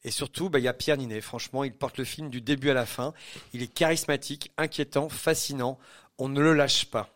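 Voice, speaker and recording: A man's voice: mid-range voice, fairly even intonation, brisk, fairly bright tone. A man reviewing a film on the radio, casual and chatty, with many fillers and easy laughs.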